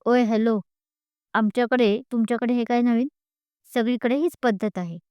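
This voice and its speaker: A woman's voice: on the high side, steady tone, dark tone, smooth, no room sound, lightly acted. A woman voicing a caring young man who fires off worried questions and teases, in an audio story read by one narrator. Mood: cheerful. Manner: worried rapid questions, teasing. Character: caring young man, protective elder-brother type.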